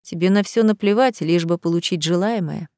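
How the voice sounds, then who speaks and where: A woman voicing an angry young groom who talks in harsh, low, menacing tones in an audiobook. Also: fairly quick, warm tone, no room sound, studio quality, lightly acted. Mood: bitter. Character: angry young man, bitter and contemptuous groom.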